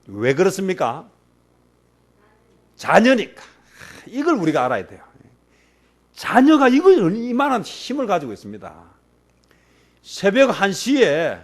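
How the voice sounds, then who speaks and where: Middle-aged pastor guy preaching, keeps asking the crowd questions then answering them himself, voice on the higher side. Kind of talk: sermon.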